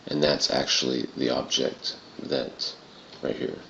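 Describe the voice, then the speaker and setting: A man with an extremely low, gravelly voice walks through a software tutorial in a casual style. His throaty tone comes through a dull, lo-fi home recording with roomy echo. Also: little pitch movement, measured pace. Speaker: tutorial presenter. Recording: muffled, roomy home recording with clear noise.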